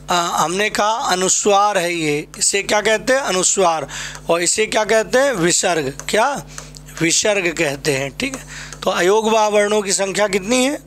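A man with a Uttar Pradesh accent teaches an exam-prep class at an unhurried pace. He keeps firing questions and answering them himself, repeating each point. His voice sits high for a man. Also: fairly bright tone. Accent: Uttar Pradesh Hindi.

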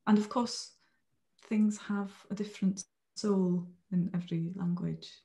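Calling in by video from a small room at home, this Welsh woman in her thirties, an author who speaks Welsh as her first language, has a warm, steady mid-range voice and talks a bit slowly. In a relaxed interview, she pauses hesitantly and repeats words while thinking things through.

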